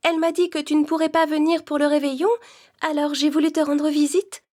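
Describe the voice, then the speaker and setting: A woman's voice: sits high, flat delivery, brisk, a little mellow, lightly acted. A woman voicing a sweet, plucky little girl in a children's cartoon tale, earnest and childlike. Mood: curious, sweet. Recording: prominent music under the voice.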